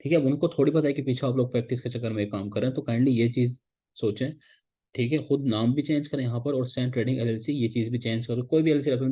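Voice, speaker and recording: Man teaching casually. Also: mid-range voice. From Pakistan. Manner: casual, repetitive teaching, often checks in with "theek hai". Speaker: instructor. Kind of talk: recorded lecture. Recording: slightly dull, lo-fi audio.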